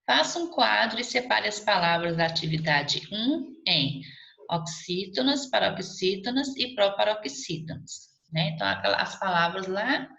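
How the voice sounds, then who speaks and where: A woman's voice: medium pitch, expressive, moderate pace, gravelly, pushed and bright. A woman teacher, patiently walking students through a recorded lesson and checking in with them often. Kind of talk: recorded remote class lesson. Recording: echoey room, slightly dull lo-fi audio.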